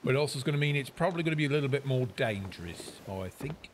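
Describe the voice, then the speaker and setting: A man's voice: mid-range voice, lively intonation, rapid-fire, slight background noise. A man giving casual commentary while he plays a game, musing aloud to himself. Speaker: game streamer.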